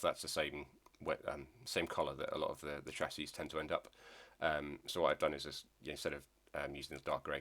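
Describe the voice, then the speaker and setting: Narrating a laid-back video about his model railway, a man from Scotland speaks in an extremely deep voice made nasal by a lingering cold. His delivery is flat and steady, yet hesitant, broken by frequent ums, pauses and restarted sentences.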